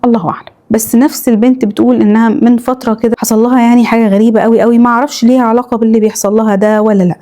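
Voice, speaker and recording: A woman with an Egyptian accent narrating horror stories in a quick first-person retelling. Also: fairly high pitch, steady tone, dark tone. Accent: Egyptian Arabic. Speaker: storyteller reading followers' horror stories.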